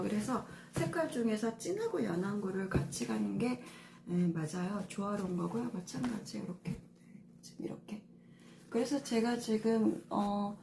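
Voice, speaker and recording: A middle-aged woman stylist gives a casual lesson on color coordination, going step by step with patience and plenty of fillers. Her voice is mid-range, and the echoey room carries faint ambience and background noise.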